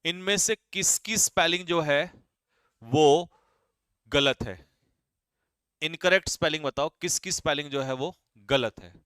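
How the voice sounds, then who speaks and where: A man teaching English vocabulary for exam prep, quizzing students briskly and teasing them. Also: on the high side, fairly bright tone, smooth, no echo, studio quality. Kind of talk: live online exam-prep class.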